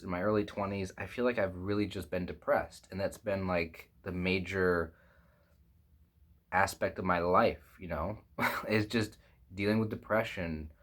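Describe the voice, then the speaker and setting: A man's voice: deep voice, a bit bright. A man of twenty-five talking candidly to his phone camera in a small foam-lined room, reflective and rambling with plenty of fillers and restarts. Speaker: vlogger. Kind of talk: candid personal vlog. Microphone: phone camera at close range.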